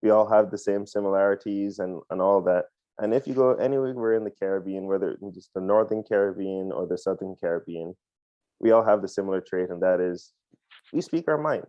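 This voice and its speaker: A man's voice: low voice, fairly quick, no echo. A man from Barbados, a pilot telling his story as a podcast guest in a chatty way, full of ums and uhs. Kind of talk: casual interview answers. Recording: dull lo-fi dry sound.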